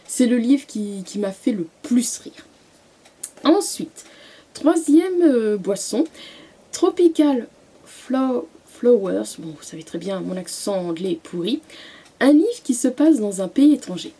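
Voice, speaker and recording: A young woman chatting casually about books she loves, often pausing, restarting and filling gaps with "euh" and "voilà". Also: mid-range voice, big pitch swings, dark tone, slightly rough. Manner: hesitant, many fillers and restarts. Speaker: book vlogger. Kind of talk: casual book review vlog.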